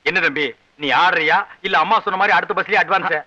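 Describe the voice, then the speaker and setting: An actor playing a scheming, jokey elder-brother figure who manages a troupe, in a 1980s film drama. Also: male voice, high voice, fast talker, pushed and bright. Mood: teasing. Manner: chatty, teasing, conspiratorial. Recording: dull lo-fi film soundtrack.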